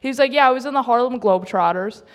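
A woman's voice: fairly high pitch, fast talker. A young woman comedian telling a self-mocking story on stage at a live event, chatty and laughing through her lines.

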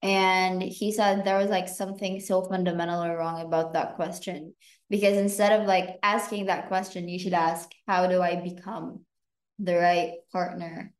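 A woman hosting a podcast in casual chat, thinking aloud with relaxed fillers. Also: on the low side, moderate pace. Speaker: podcast host. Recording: echoey room.

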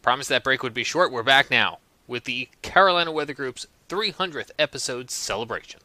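A man's voice: medium pitch, a little fast, bright, forceful tone, no echo. A man hosting a show, moving between polished links and casual banter. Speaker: show host.

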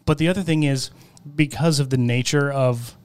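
A man's voice: medium pitch, moderate pace, darkish tone, smooth. Male panelist, mid-range voice, thoughtful and explanatory in casual film talk. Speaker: podcast panelist. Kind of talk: casual movie discussion.

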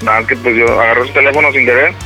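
A Mexican man, a radio host doing a prank phone call, plays an upset husband, halting and hesitant and restarting a lot. His medium-pitched voice has a steady, sharp tone, with faint music behind it.

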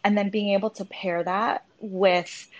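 A woman dermatologist in her thirties, a guest on a podcast interview, explaining her field in a relaxed way with frequent "um" fillers. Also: mid-range voice, unhurried, highs cut off. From born in Hong Kong, raised near Los Angeles.

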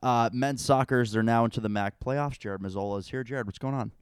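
An American man with a middling-pitched voice interviews casually as a podcast host. He is recorded in a locker room, yet the sound is quite dry, with little echo. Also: brisk, smooth. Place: indoors in a team locker room.

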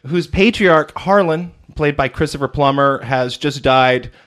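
A man's voice: on the high side, a little slow, fairly bright tone. A man co-hosting a casual movie review chat, opinionated and critical, with frequent fillers. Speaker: podcast co-host reviewing films.

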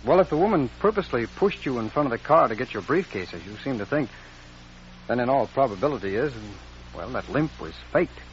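An actor playing a calm male federal agent who questions in a measured way, in a 1940s radio drama. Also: mid-range voice, a little hiss or hum, lightly acted. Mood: probing. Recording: dull old radio recording.

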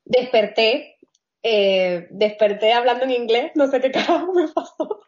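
Woman, casual storytelling, animated, slips into English, dull lo-fi sound. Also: on the high side, unhurried. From Puerto Rico. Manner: animated, laughs often, mixes in English phrases. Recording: dull lo-fi audio.

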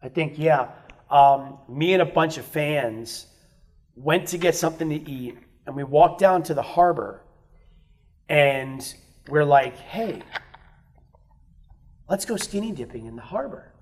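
Unhurried and expressive, with a fairly high pitch and frequent pauses, a male musician guesting on a podcast candidly recounts episodes from his past. He curses without restraint and performs the quoted lines of others during the laid-back conversation.

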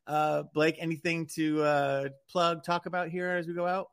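A man's voice: fairly high pitch, flat delivery, normal speed, vocal fry, fairly bright tone, smooth. A man hosting a radio show in casual chat, talking in a hesitant, wry and self-deprecating way.

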